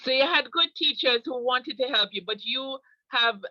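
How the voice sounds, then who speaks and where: Woman interviewer, recaps the guest's answers, fairly high voice, dry dull audio. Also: moderate pace, sharp tone, dry recording. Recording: dull lo-fi sound.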